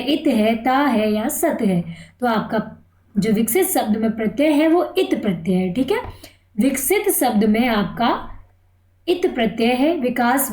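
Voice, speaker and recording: A woman's voice: a little high, darkish tone, roomy sound. A woman teaching an exam-prep Hindi grammar lesson, asking the class questions and then answering them herself in a coaxing way. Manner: asks questions and answers them herself, calls listeners "beta".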